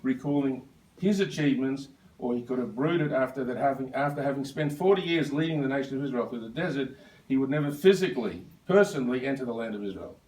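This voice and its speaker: A man's voice: mid-range voice, quick pace, a little mellow. A man, giving an anecdotal speech at his birthday lunch. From Australia. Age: 70s. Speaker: birthday speaker. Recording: echoey room, voice from far off.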